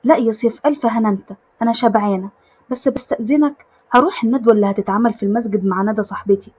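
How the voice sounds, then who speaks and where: A woman voicing a polite, gentle young woman speaking kindly in an Egyptian accent. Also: a little high, very fast, husky. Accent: Egyptian Arabic. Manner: polite, soft.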